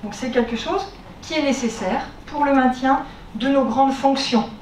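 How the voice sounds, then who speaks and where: A woman with a fairly high voice gives a public health lecture, speaking through a face mask. She explains in a halting way, often rewording as she goes. The recording is echoey and picked up from a distance. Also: a little mellow. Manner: explanatory, hesitant phrasing with frequent rephrasing and check-in tags. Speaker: lecturer on health, pain and diet. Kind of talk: spoken public lecture to an audience. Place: university lecture room. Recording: echoey room, distant mic, background noise.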